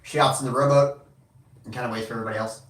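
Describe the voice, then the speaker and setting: A man's voice: medium pitch, fairly even intonation, racing, a bit bright. A man running a tabletop game as game master, narrating in a meandering way with many fillers and restarts. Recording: echoey room, distant mic, faint hiss.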